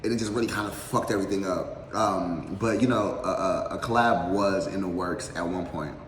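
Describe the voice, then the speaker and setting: A man with a low voice talks at a moderate pace while hosting a casual eating show. The chat and mukbang are candid, packed with heavy slang and free swearing. The room is echoey with a long reverb and a faint noise underneath.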